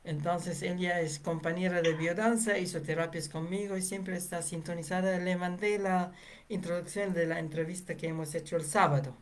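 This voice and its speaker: A woman hosting a casual interview, speaking slowly with many hesitations and fillers. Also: on the low side, fairly even intonation, a little hiss or hum. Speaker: interview host.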